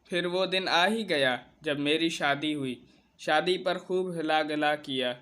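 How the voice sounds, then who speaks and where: A man with a fairly high, bright, forceful voice tells a personal story in the first person. His delivery is steady and earnest, one event after another. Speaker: narrator.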